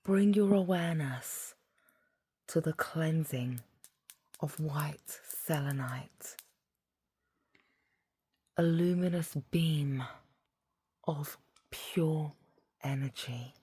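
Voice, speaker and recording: A woman leading a guided meditation in a soft, half-whispered voice, soothing and deliberate, phrase by phrase. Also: low-pitched, a little hiss or hum.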